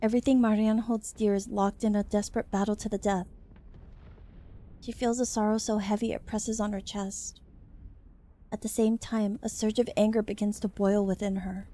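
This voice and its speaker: A woman's voice: mid-range voice, flat delivery, moderate pace, mellow. A woman reading a game's story aloud as dramatic narration.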